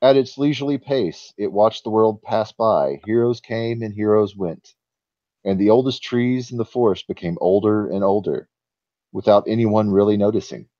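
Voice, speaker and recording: A man playing an ancient, sleepy male giant who tells old legends slowly and solemnly in a tabletop game. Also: on the low side, dark tone, no room sound, dull audio, natural voice. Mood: solemn, wistful.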